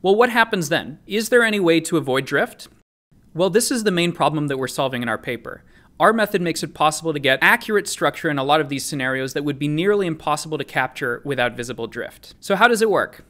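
Young guy doing a conference talk over slides, kinda high voice, clear and explainy. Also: animated, quick pace, fairly bright tone. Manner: clear, explanatory, asks and answers his own questions. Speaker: researcher presenting a paper.

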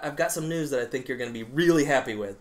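A man co-hosting a horror podcast, chatting casually with deadpan jokes. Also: mid-range voice, quick pace, heavy background noise. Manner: jokey, deadpan banter. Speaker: podcast co-host. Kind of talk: casual comedic chat.

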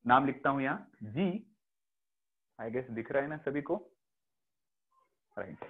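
A man with an Indian accent teaches an online biology class over a video call, blending Hindi and English and frequently checking that students are keeping up. His mid-range voice is slightly rough and slow, and the audio sounds phone-like.

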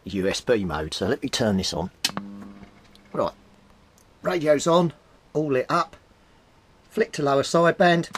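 There's slight background noise behind this British man's mid-range voice. As an amateur repairer, he works with his hands at an indoor home workbench, thinking aloud and explaining things in an informal vlog while handling equipment.

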